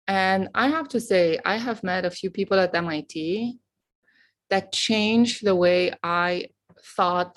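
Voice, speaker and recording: A middle-aged woman from Romania, a professor, telling her story as a guest in an outgoing, boisterous way. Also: lowish voice. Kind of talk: casual interview chat.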